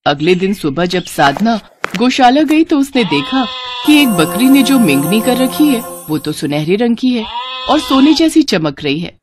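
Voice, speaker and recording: A woman narrating a moral cartoon story in an expressive storytelling cadence. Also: a little high, measured pace, over music.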